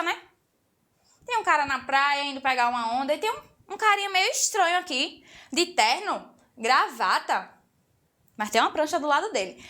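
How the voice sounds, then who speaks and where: Bright, lively woman with a Pernambuco accent. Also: sits high. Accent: Pernambuco Portuguese. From Recife, Brazil. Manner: lively, chatty and playful, addresses viewers directly. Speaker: teacher. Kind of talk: exam-prep video lesson.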